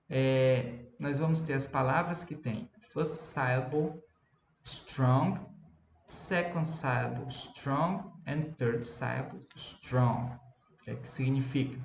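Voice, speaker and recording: Speaking with vocal fry at a medium pitch, a Brazilian man gives a chatty English lesson, explaining mostly in Portuguese with English words mixed in. The recorded online lesson has a lo-fi, roomy quality and a faint hum.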